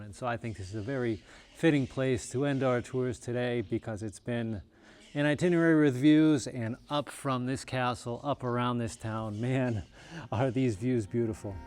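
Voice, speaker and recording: A man's voice: mid-range voice, steady tone, normal speed, darkish tone. A man vlogging casually outdoors in the hills, talking enthusiastically like a tour guide with some fillers. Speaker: travel and real estate vlogger. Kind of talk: casual travel vlog narration. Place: outdoors in hilly countryside.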